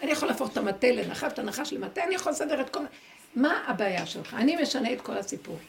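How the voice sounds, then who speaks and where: A woman giving a Torah lesson to a group, lively and full of rhetorical questions, acting out inner dialogue as she explains. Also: fairly high pitch, creaky, a little hiss or hum. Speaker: Torah teacher.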